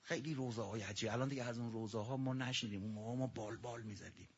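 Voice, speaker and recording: Husky-voiced man preaching with dramatic swings. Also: medium pitch, steady tone. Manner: dramatic swings between loud and hushed; addresses the audience directly. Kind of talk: sermon with mourning elegy. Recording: dull lo-fi recording.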